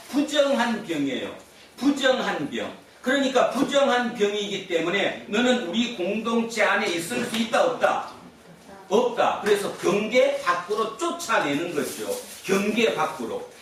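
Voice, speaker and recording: A male pastor preaches a sermon in a church sanctuary, asking the congregation questions and repeating their answers back. His voice sits high with a fairly bright tone. The recording is distant and echoey, as in a church hall, with slight background noise.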